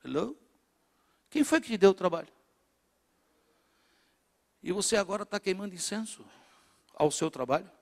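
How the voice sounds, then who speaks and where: A middle-aged man from northeastern Brazil with a Northeastern Brazilian accent, preaching to a congregation with rhetorical questions and swings between loud and hushed. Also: sits high, animated, normal speed, vocal fry, pauses often. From Natal, northeastern Brazil. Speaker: pastor. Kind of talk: sermon to a congregation. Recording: long hall reverb in a church.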